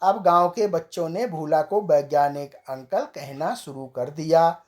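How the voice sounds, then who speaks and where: A storyteller narrating a comic village tale, unhurried and now and then chuckling. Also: medium pitch, darkish tone.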